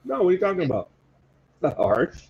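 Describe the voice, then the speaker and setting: A man's voice: sits high, huge pitch swings, fast, breathy edge. Man with a muffled, boxed-in mic. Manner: teasing, playful. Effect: muffled, boxy sound, as if inside a box. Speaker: co-host. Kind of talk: casual livestream banter. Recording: dull muffled lo-fi mic, slightly distant.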